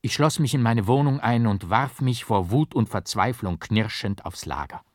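A man reading a first-person literary story aloud as narrator, with a dramatic, expressive delivery. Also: mid-range voice, moderate pace, no room sound, studio quality. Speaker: audiobook narrator.

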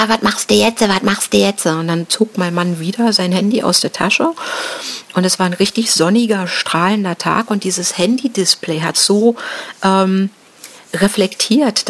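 A middle-aged woman telling an interviewer about a violent attack on her husband, in a halting way with many fillers and restarts. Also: on the low side. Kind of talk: emotional personal account.

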